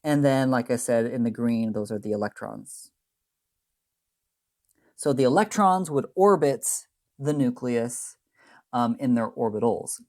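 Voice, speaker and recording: A chemistry instructor speaks in a mid-range, slightly mellow voice, unhurried and with long pauses, during a recorded lecture. His commentary on the slides wanders, often checking in through tag questions and correcting itself mid-sentence, and he minimizes the math.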